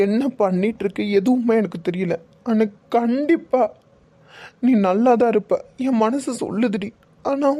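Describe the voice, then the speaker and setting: A woman's voice: fairly high pitch, mellow. A woman voicing a frantic, heartbroken young husband who pleads emotionally for his missing wife.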